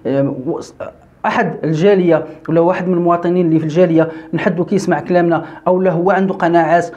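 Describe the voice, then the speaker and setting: A man with a Moroccan Arabic accent giving casual political commentary as a channel host, animated, with frequent fillers and self-corrections. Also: fairly high pitch, highs cut off. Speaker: YouTube news commentator.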